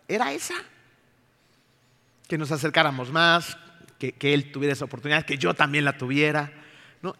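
A middle-aged Mexican pastor preaching, telling a story with lively, acted-out outbursts. His voice is bright and a little high for a man. It rings with the long echo of a church hall. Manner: animated storyteller, acts out his own outbursts. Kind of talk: sermon with personal story.

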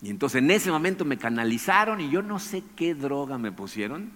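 Man, fast-talking storyteller, animated, keeps saying "¿no?", long hall reverb. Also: on the high side. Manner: animated, tags phrases with "¿no?", chuckles often. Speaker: speaker telling a personal story. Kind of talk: anecdotal storytelling to an audience.

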